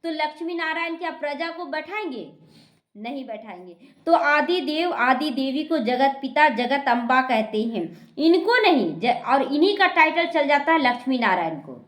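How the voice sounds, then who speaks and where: High-voiced woman preaching in an echoey hall. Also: expressive, normal speed. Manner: explanatory, repeats points, addresses listeners directly. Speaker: spiritual teacher. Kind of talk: sermon explaining scripture to a class. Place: meditation class hall. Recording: echoey room.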